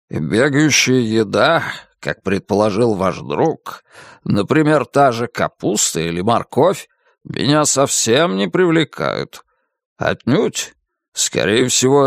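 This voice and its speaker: A reader doing a slow, courteous old dragon. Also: gravelly, no echo, clean studio sound, heavily acted. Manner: slow, deep, courteous drawl. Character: polite slow-spoken old male dragon, hospitable. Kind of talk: audiobook character voice.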